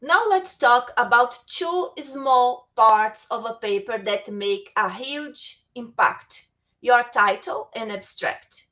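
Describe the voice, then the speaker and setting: Her pitch fairly high and her tone a bit bright, a woman presents a webinar lecture about writing tools at a slow pace. She is a native Portuguese speaker reading prepared text, with small restarts along the way.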